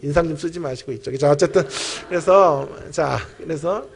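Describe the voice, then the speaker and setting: A middle-aged man, a pastor and professor, preaching a sermon and telling a personal story with animated storytelling, speaking straight to the congregation. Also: fairly high pitch, normal speed, vocal fry. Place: church sanctuary.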